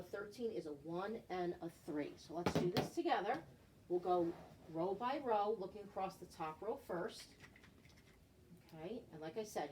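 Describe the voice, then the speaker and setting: A woman's voice: on the low side, a little mellow, rough recording. A middle-aged woman leading a counting lesson for young children like a kids show host, with simple guiding questions and repeated key words, recorded at home. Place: living room at home. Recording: clear background room noise, home recording.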